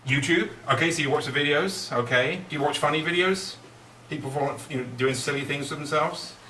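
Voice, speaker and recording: A man's voice: fairly high pitch, a little fast, sharp tone. A middle-aged man performing as a kids' party magician, with playful patter that coaxes the young audience along with questions. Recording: roomy, distant mic, faint noise.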